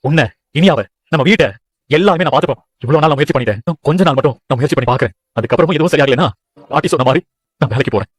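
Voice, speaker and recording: A man's voice: on the high side, very fast, no echo, lightly acted. An actor playing a discouraged young man who tells his mother about chasing his film dreams, earnest and downcast. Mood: dejected. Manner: dejected, earnest, pleading. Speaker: son, aspiring film director. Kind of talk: TV serial acting.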